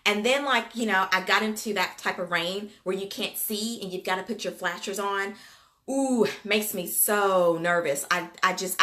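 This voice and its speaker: Talkative and folksy, a Southern-accented woman with a Gulf Coast background hosts a casual livestream, addressing viewers as "y'all" and "you guys." She's a daycare business coach whose medium-pitched voice is bright and forward, flowing easily in a homespun way.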